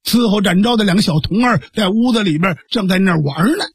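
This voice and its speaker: 男评书艺人，北京口音，沙嗓，干声无回响，说书口吻生动. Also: male voice, sits high, fast, husky, no room sound. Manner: lively, colloquial narration with asides. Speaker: storyteller. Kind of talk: traditional storytelling.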